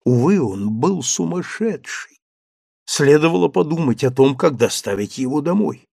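A man reading a story aloud as narrator, measured and even, on a close mic. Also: a little high, creaky, breathy edge, no echo. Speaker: audiobook narrator.

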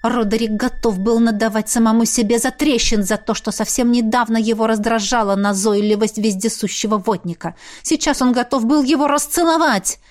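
A woman's voice: fairly high pitch, a little fast, few pauses. Woman narrating a fantasy audiobook. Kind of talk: scripted narration of a fantasy novel.

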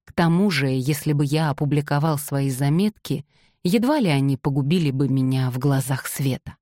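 A woman reading the curt, exasperated lines of a young gentleman in an audiobook. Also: deep voice, normal speed, no echo, clean studio sound.

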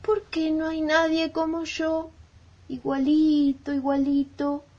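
A woman doing squeaky little creature Tuk. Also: sing-song, extremely slow, dull audio, heavily acted. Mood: wondering. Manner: high squeaky chanted nonsense sounds. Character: small round male creature Tuk, moody. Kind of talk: children's storybook reading.

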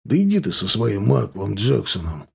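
A man voicing a grumbling middle-aged male bandit who is sullen and scornful of foreign things, with a gruff, sighing way of complaining. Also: lowish voice, huge pitch swings, moderate pace, full character voice. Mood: grumpy.

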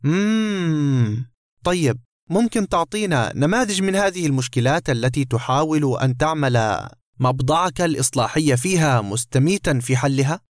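A man's voice: on the high side, expressive, moderate pace, no echo, clean studio sound, close to an everyday voice. A man voicing a sneering, menacing burglar. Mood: mocking. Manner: mocking, threatening. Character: sarcastic menacing male burglar, boastful.

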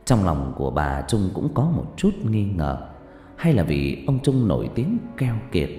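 A man narrating a ghost story in a measured, dramatic manner, recorded in an echoey room with faint music behind. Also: low voice, very animated, dark tone.

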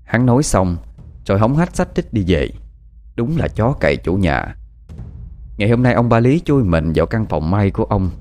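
Male narrator, animated storytelling, soft music behind. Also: fairly low pitch, normal speed. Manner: lively storytelling.

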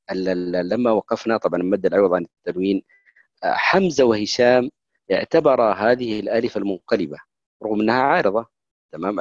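A man's voice: lowish voice, a little mellow, dry recording, highs cut off. A man teaching recitation rules in a lecture, often checking in with listeners and stopping to restart his words. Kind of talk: explanatory lecture.

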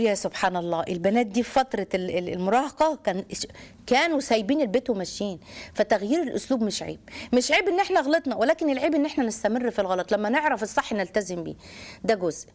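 An Egyptian woman hosting a call-in advice show, talking fast and animated in a preachy, motherly way from a studio. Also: fairly high pitch. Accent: Egyptian Arabic. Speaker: host answering callers. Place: radio studio.

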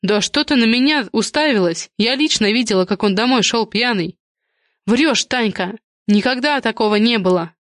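A woman voicing a blunt, sharp-tongued middle-aged gossip with a curt, knowing manner. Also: a little high, normal speed, no echo, clean studio sound, close to an everyday voice.

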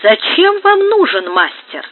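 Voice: very high-pitched, big pitch swings, a little slow, no echo, pitched above the performer's own voice, heavily acted. The reader voicing a male yard worker who sounds wary and cheeky, in an audiobook. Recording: narrow phone-like sound.

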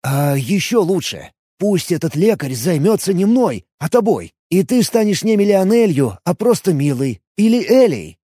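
A man's voice: high-pitched, sing-song, normal speed, few pauses, warm tone, husky, dry recording, clean studio sound, voice pushed up, full character voice. A man doing a lovesick blustering paladin. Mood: eager. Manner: blustering, pleading, gabbles. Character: lovesick hulking human paladin man, hot-headed, clumsy.

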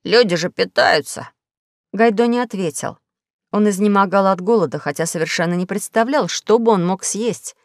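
A woman narrating a children's audiobook in a lively storytelling manner at a close studio mic. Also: mid-range voice, dry recording. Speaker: audiobook reader. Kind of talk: scripted narration.

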